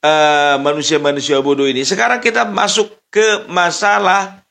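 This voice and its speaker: Speaking at a moderate pace with a fairly high, flat-pitched voice that's gravelly, bright, and forceful, a man from Sumatra delivers casual political commentary. He laughs frequently, mocks, and speaks directly to his audience against a noisy backdrop.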